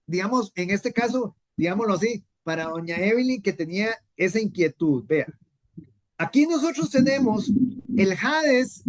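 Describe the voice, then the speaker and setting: Woman Bible teacher, earnest, repetitive, uses rhetorical questions. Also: mid-range voice. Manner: earnest, repeats key points, asks rhetorical questions.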